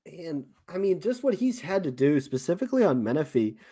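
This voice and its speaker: South African man, halting sports chat. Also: a little high, sing-song, warm tone, breathy edge. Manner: halting, many fillers and restarts. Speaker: podcast co-host.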